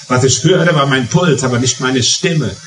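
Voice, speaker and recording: A man's voice: mid-range voice, moderate pace, background noise. Palatinate guy preaching, tells stories and repeats himself for punch, echoey room, mic a bit far off. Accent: Palatinate German. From Palatinate, Germany. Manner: storytelling, emphatic repetitions. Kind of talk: sermon. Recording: echoey hall, distant mic, faint music.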